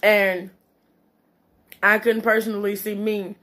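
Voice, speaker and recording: A woman with a mid-pitched voice chats casually, as if to viewers over a meal. She is blunt and opinionated, leaning on her points and swearing freely. Her mouth is sometimes full as she talks. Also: flat delivery, takes it slowly, pushed and bright. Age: adult, parent. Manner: eating while talking, mouth sometimes full. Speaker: vlogger giving relationship and parenting opinions. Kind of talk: casual chit-chat monologue.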